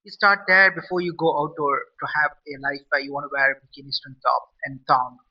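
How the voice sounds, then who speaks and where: A man's voice: fairly high pitch, fairly quick. A man giving a blunt, profane opinion rant, repeating himself as he talks. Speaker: vlogger. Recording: lo-fi and a bit far from the mic.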